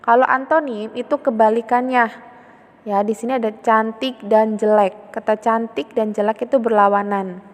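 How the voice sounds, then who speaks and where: A woman's voice: on the high side, steady tone, moderate pace, long reverb tail. A woman teacher patiently explaining a lesson, often checking in with a short "ya" as she repeats her points. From Indonesia.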